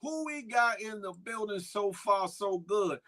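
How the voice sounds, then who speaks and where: A man hosting a casual live-stream talk show, animatedly shouting out viewers' names and chatting loosely with repeated catchphrases. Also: high voice, expressive, a little slow.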